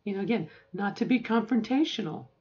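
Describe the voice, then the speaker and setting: Woman, 40s, casual vlog advice, self-correcting and rambling, mid pitch, slightly muffled recording. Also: brisk, a little mellow. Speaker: vlogger.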